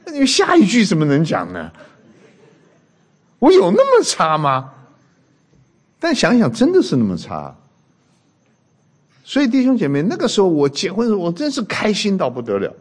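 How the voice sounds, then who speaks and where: Male preacher, slightly higher voice, playful storyteller who quizzes the congregation. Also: huge pitch swings, normal speed, long pauses. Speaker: pastor. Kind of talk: sermon.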